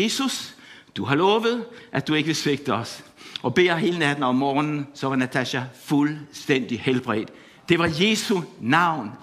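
A man's voice: medium pitch, fairly bright tone. A middle-aged man preaching a sermon, passionate and full of repeated exclamations, telling stories from his life. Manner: impassioned, repetitive exclamations; storytelling with laughter.

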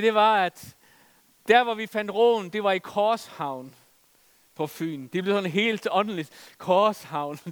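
High-voiced preacher in a reverberant hall. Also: male voice, clear, resonant tone. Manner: animated storytelling with humor, fillers and emphatic scripture reading. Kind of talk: sermon.

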